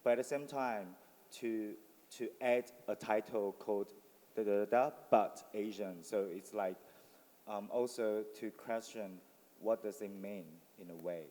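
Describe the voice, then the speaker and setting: A man's voice: lowish voice, fairly even intonation, a little slow, dark tone. A man artist on a panel, explaining his work in a reflective way with many fillers. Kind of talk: panel talk. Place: forum venue with audience. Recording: long reverb of a hall.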